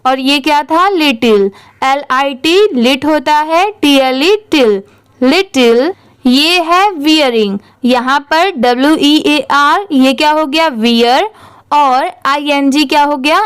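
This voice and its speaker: A woman's voice: high voice, no room sound. A woman teaching English reading in Hindi, with an Indian accent. She spells each word letter by letter and then answers her own questions. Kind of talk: slow spelling-out lesson.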